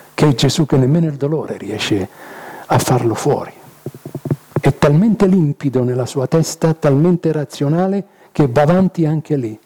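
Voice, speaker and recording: A man's voice: fairly high pitch, mellow. A man teaching an informal Bible study, chatty and jokey, tossing in rhetorical "eh?" asides.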